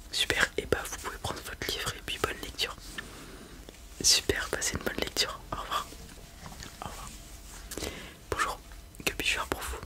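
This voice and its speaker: Whispered role-play: librarian, fully whispered and breathy, polite customer-service patter. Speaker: ASMR performer playing a librarian.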